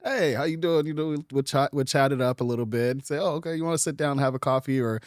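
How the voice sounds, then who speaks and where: A man from Kenya, a podcast guest and business owner, telling his life story in a relaxed interview with lots of "uh" and easy laughs. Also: mid-range voice, fast, no echo, studio quality. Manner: easygoing, laughs often, many "uh" fillers.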